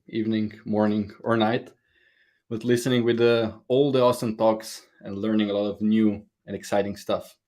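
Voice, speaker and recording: A man, giving an earnest, slightly nervous prepared talk at a conference. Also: on the low side. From Slovenia. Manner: earnest, a bit nervous, grammar slips. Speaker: conference speaker.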